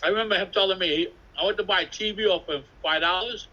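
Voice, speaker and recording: Older new guy on a video call, husky and bright, tells loose street stories and swears a lot. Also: high voice, fast, muffled recording. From New York City. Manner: swearing, laughing, jumps between stories. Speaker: interviewee, graffiti artist. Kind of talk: rambling casual storytelling. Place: indoors at an artist residence.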